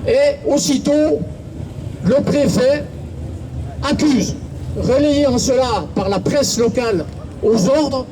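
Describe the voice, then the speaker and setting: A man's voice: very high-pitched, slow, long pauses, noisy background. A man speaking at an outdoor protest rally, orating formally and quoting writers. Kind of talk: speech at a street rally.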